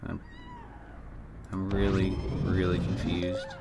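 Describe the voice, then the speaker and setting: A man giving casual let's-play commentary, chatting to his game characters and breaking into excited outbursts. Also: low-pitched, slow. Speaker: gameplay streamer. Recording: faint game music behind.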